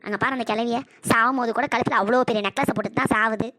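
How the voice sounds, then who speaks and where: Brief: brash scheming elder daughter-in-law, voiced by a woman, high-pitched and bossy, dry close sound. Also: fairly even intonation, fast talker, fairly bright tone, dry recording, natural voice. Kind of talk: cartoon voice acting.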